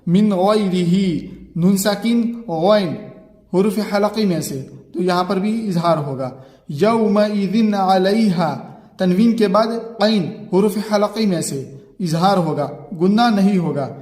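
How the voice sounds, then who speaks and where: A man teaching a Quran reading lesson. He explains a rule, recites the example words slowly and checks in with the learner. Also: high-pitched, a little mellow. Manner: asks "ठीक है?" to check the learner. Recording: echoey room with long reverb.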